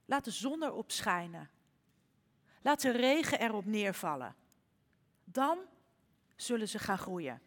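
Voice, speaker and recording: A woman voicing a calm, wise male frog gardener while reading a storybook aloud in a reverberant church hall. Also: mid-range voice, slow pace, pauses often. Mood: patient.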